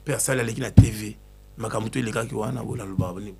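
A man talking excitedly in a casual chat, switching between Lingala and French. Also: lowish voice, racing, vocal fry, faint music behind.

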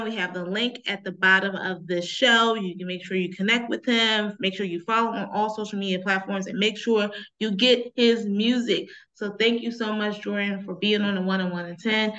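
A woman hosts an interview with a bright, forceful voice. She stays upbeat and encouraging and turns to address the audience directly. Her audio sounds dull and lo-fi, as if it came from a remote call. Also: mid-range voice, fairly even intonation, moderate pace. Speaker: talk show host. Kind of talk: interview hosting.

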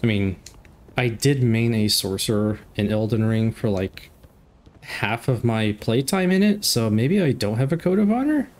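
A young man with a cold narrates a casual let's play in a lowish voice at a moderate pace, recorded on a desk microphone. His nose is stuffed up, and his chatty, jokey commentary erupts into excited outbursts during fights.

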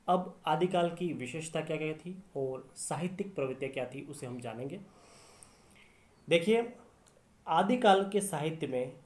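A man teaching Hindi literature in a lecture, explaining step by step and repeating key phrases. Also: medium pitch. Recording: echoey room.

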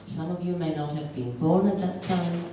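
At a community event, a middle-aged woman from Poland tells the audience a personal story in a Polish accent, hesitating with many filler pauses. Her voice is on the low side, dark, and fairly even. Her handheld mic is heard from across a large, echoey wooden hall with a stage, with slight background noise.

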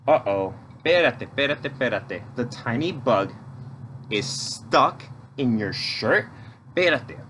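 Playful bilingual storytime host, slow and bright. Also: male voice, mid-range voice, animated, a little hiss or hum. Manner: switches between English and Spanish, playful and coaxing. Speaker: children's librarian storytime host.

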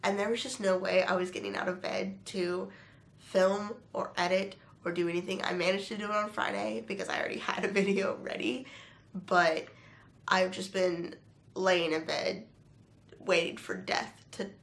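A woman's voice: medium pitch, fairly even intonation, moderate pace, gravelly. A sick young woman beauty vlogger with a stuffy, nasal voice, chatting casually and a little apologetically to camera.

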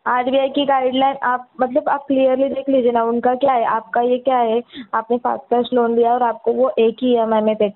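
Woman, loan collection caller, over the phone, pushy, cuts in, high voice. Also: little pitch movement, very fast, dry recording. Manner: pushy, talks over the other person. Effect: heard over a phone line. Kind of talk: heated phone call. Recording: tinny phone-line recording.

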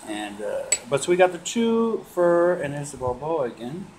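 A man's voice: on the high side, normal speed. Rambling man showing coins, noisy recording. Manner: relaxed and rambling, with many "uh" fillers. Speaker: coin collecting vlogger. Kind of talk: casual show-and-tell vlog. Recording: noisy home video recording.

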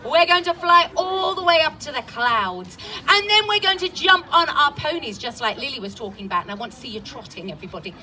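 A woman's voice: sits high, sing-song, fairly quick, sharp tone. A woman presenting a live children's show, coaxing the kids in a cheery call-and-response way. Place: outdoor farm show stage. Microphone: filmed from audience at a distance. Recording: distant audience-filmed live show. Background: crowd of children and music.

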